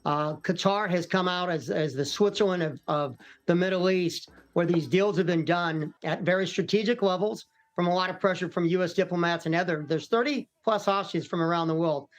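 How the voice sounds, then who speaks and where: Calm, higher-voiced American man, expert guest. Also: moderate pace. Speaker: retired military commander and hostage expert guest. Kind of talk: live news interview analysis.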